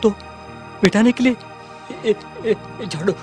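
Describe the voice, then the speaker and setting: An actor playing a starving, beaten outcast man in a film, speaking in halting, tearful, pleading phrases. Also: high voice, darkish tone, faint music behind. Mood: pleading, broken. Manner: broken, halting and pleading speech. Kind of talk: dramatic movie acting.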